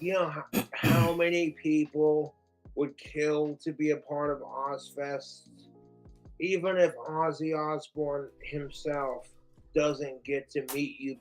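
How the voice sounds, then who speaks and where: Male streamer, slightly higher voice, drawn-out profane rant, faint music behind. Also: rough recording. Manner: profane, slow-paced ranting. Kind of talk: casual ranting chat.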